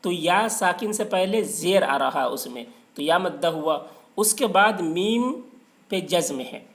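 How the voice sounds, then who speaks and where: Man, high voice, recitation teacher, patient, repetitive, drawn-out letters. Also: lively intonation, a bit bright. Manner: explains patiently, repeats letters slowly and drawn out. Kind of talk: step-by-step tajweed lesson.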